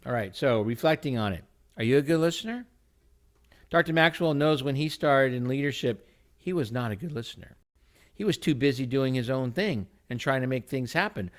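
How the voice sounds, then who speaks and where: A man, a music teacher by trade, hosts a motivational leadership book talk from his home kitchen. He speaks into a computer microphone in an emphatic, folksy way, swinging from loud urging to quiet asides. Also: mid-range voice, a little fast.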